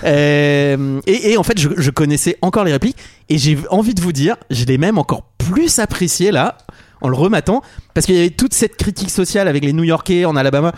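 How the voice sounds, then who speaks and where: A man's voice: a little high, expressive, a little fast, a little mellow, no room sound. A man from Brittany chatting enthusiastically on a film podcast panel, laughing easily and restarting his sentences. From Brittany, France. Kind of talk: casual panel chat.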